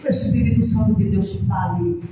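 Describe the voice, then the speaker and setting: A woman's voice: mid-range voice, moderate pace. A Brazilian woman pastor preaching a fervent Pentecostal sermon and calling out to her congregation. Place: church hall. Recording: echoey church hall, mic far off, noisy.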